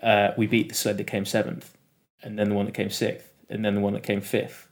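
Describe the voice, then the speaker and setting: Animated man telling a story. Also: fairly low pitch, a little fast. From United Kingdom. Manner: animated, laughing storyteller who acts out quotes. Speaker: podcast guest. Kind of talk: casual storytelling interview.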